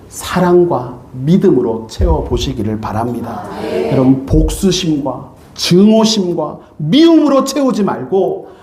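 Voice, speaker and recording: A man's voice: a little high, darkish tone, a little hiss or hum. A middle-aged male pastor preaching a sermon, earnest and repeatedly calling out to his congregation. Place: church sanctuary. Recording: echoey church sanctuary.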